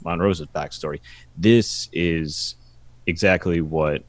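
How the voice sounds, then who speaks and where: A man co-hosting a podcast, giving his take on a TV episode in loose, halting casual talk that repeats words. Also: low-pitched, no echo. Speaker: podcast co-host. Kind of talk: casual review discussion.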